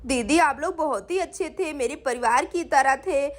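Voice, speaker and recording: A woman voicing a gentle, dutiful young bride saying goodbye to her family in a doll story. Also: sits high, moderate pace, natural voice. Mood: tender. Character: young bride leaving home, gentle and sad.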